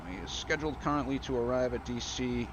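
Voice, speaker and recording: A man giving an airline pilot announcement to passengers, halting with frequent uhs. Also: medium pitch, lo-fi sound, noisy background. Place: aircraft cockpit. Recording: clear cockpit and engine drone.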